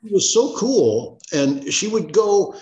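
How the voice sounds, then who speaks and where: Animated man telling anecdotes. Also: sits high, slow pace. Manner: animated anecdote teller, uses fillers. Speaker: actor guest. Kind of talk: casual storytelling chat.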